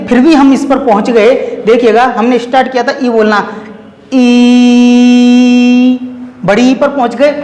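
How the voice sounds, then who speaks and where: A man's voice: very high-pitched, in a large hall. A man teaching a Hindi grammar lesson to exam students, explaining step by step, stretching out vowel sounds and putting questions to the class.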